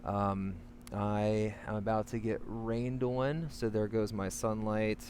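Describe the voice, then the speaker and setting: A man talking candidly to camera with advice while in an anxious, panicky state, halting and rambling as he corrects himself. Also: lowish voice, little pitch movement, darkish tone. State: in the midst of a panic attack, anxious. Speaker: vlogger sharing panic attack coping advice. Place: outdoors. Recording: clearly noisy, humming background.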